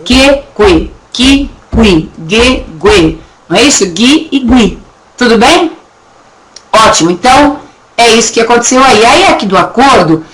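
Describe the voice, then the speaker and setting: A woman teaching a recorded Portuguese grammar lesson with a Brazilian accent, chatty, checking in often with her students and slowly stretching words to show how they are pronounced. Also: mid-range voice, fairly bright tone, low-quality recording. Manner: drags words out slowly to demonstrate pronunciation. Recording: faint background noise and clicks.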